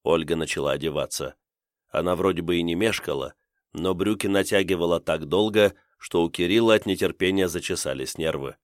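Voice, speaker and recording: A man reading an audiobook as narrator in steady, tense storytelling. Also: sits low, fairly quick, no room sound, studio quality.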